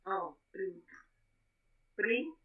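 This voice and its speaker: A woman's voice: medium pitch, very animated, very slow, phone-quality sound. A woman student answering her teacher in an online class, hesitantly trying out English words.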